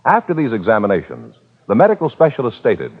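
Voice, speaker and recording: A man's voice: on the low side, wildly swooping pitch, fast, husky. A man announcing an old radio sponsor ad in an emphatic, salesy delivery. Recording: tinny old radio, reverberant studio.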